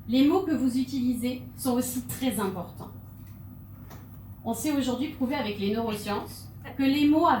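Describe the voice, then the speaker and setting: A woman's voice: sits high, darkish tone, a little hiss or hum. A woman giving a humorous stage talk, playful and theatrical, with laughing asides. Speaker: conference speaker. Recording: echoey hall, mic from far off.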